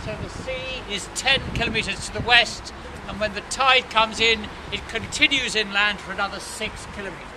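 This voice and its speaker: A man's voice: sits high, normal speed. A middle-aged man speaking as a town crier, projecting theatrically as he guides a walking history tour. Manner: town crier's loud, theatrical calling and clear projected address. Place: outdoors in a town, speaking to a group. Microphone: camera a few steps away. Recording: outdoor camera, heavy wind and street noise.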